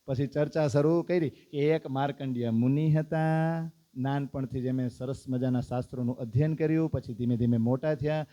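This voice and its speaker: A man's voice: mid-range voice, steady tone, normal speed, warm tone, highs cut off. A man giving a devotional discourse, telling a story animatedly and asking his listeners questions. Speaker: spiritual teacher.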